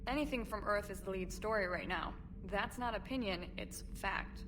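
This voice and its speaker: An actress as a brash war reporter. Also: female voice, mid-range voice, close to an everyday voice. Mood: confident. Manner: assertive, quick and direct. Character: ambitious female war reporter, brash and confident. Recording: game audio with ambient noise behind.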